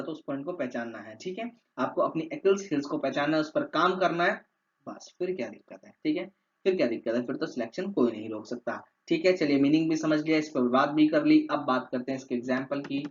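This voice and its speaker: A man teaching an exam vocabulary lesson, explaining step by step and repeating key words, mixing in English phrases. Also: a little high. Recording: dull lo-fi sound.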